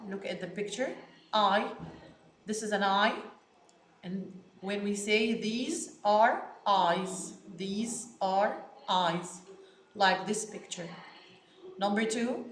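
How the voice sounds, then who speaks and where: An Egyptian woman whose first language is Arabic teaches English vocabulary to children, repeating each word slowly and stressing it. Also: medium pitch, echoey room, a little hiss or hum. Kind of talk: slow classroom vocabulary lesson.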